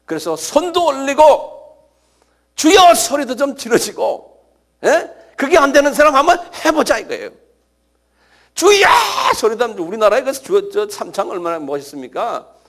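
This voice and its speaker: A middle-aged man preaching a sermon as pastor, animated, breaking into sudden cries and calling out to his congregation for a response. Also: very high voice, moderate pace.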